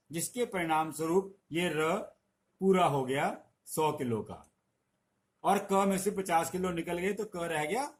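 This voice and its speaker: A middle-aged man teaching a spelling lesson, patient, explaining with little stories and examples. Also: fairly high pitch. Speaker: Hindi language teacher.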